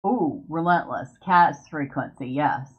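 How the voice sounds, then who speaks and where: A woman's voice: low voice, unhurried, slightly rough, lo-fi sound. A woman giving casual gameplay commentary, thinking aloud and explaining her choices as she plays. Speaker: gamer commentating on own play. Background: music.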